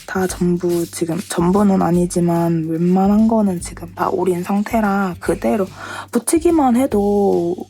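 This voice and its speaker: A stationery craft vlogger with a cold narrates casually while working on a paper craft project, her voice slightly rough, low-ish and unhurried with few pauses. Chatty, she thinks aloud, asks herself questions and drops soft asides.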